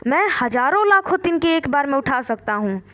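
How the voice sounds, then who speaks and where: A woman's voice: high voice, big pitch swings, fairly quick, sharp tone, full character voice. A boastful mocking elephant, read by a woman. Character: boastful laughing male elephant.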